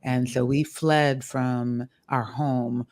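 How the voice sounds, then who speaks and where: A woman in her forties from Ghana, a guest on a podcast interview, talking in a calm and reflective way. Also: very deep voice, takes it slowly. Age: 40s. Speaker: guest, author and death doula.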